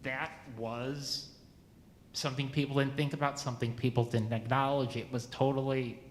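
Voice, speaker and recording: A man in his forties asks a question at a church meeting in a church meeting room, speaking as a community member. His delivery is flat, halting, and stumbling, and he often corrects himself and restarts. His voice is mid-range, and the recording has roomy hall echo and a faint hiss.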